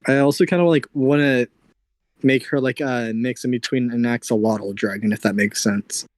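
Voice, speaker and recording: A man's voice: mid-range voice, fairly even intonation, moderate pace, dry recording. A man chatting casually as a guest, easygoing and often stumbling over his words. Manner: easygoing, hesitant, stammers and restarts. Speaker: guest commissioning a drawing. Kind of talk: casual chat.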